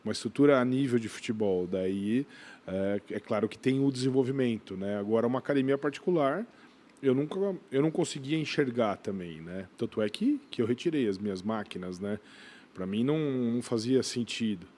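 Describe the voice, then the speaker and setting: Speaking briskly in a mid-range, slightly mellow voice, a Brazilian-accented man appears as a podcast guest and owner of a gym brand. He talks casually, repeating words, restarting phrases, and adding quick tag questions.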